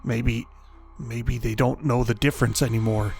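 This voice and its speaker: A man voicing a grim adult male scavenger who talks in a low, clipped, muttered way. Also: steady tone, normal speed, a little mellow, faint music behind, close to an everyday voice.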